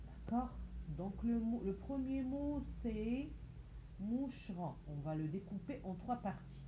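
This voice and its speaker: A woman's voice: mid-range voice, dark tone, dull audio, a little hiss or hum. A woman teaching a phonics reading lesson to young children, patiently asking questions and repeating each word aloud. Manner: patient, repeats words and syllables aloud, asks questions and answers them herself.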